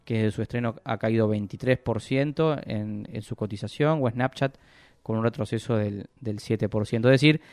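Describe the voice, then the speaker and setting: A man talks through business news in a measured, explanatory way, often pausing and restarting his sentences. His voice sits at an ordinary middle pitch, recorded close and dry with no room sound. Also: clear, resonant tone, dry recording. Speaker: economic analyst guest. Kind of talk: radio interview commentary.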